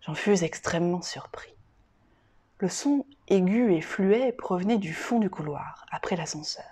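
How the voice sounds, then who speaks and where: A woman narrating a first-person short story in an even, quiet way, at times near a whisper. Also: medium pitch, unhurried, a little hiss or hum.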